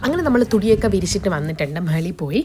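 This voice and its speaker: At home in her family's kitchen, a young woman with a cold vlogs casually, chatting to viewers about her day and her cooking. Her voice, altered by the illness, sits on the low side and is expressive, very fast, and mellow. A little hiss or hum can be heard.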